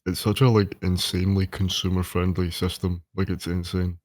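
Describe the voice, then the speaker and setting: A young man with a low voice hosts a podcast chat, stumbling over words and restarting often. He sounds close and dry, with no room around him. He reacts to everything with amazement. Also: little pitch movement, a little mellow, dry recording. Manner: halting, repeats words, awed exclamations. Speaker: podcast host. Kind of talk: casual chat.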